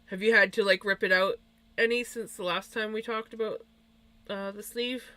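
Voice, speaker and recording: A woman's voice: mid-range voice, fairly even intonation, moderate pace, sharp tone, dry recording. A woman streaming her knitting, chatting casually with viewers in a chatty, self-deprecating way. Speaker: crafting streamer. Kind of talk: casual chat while knitting.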